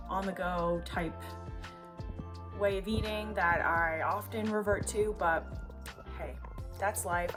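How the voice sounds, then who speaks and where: Young female vlogger, casual and chatty, self-deprecating, laughs a lot; music bed underneath. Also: mid-range voice. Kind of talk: casual food vlog chat. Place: indoors at home.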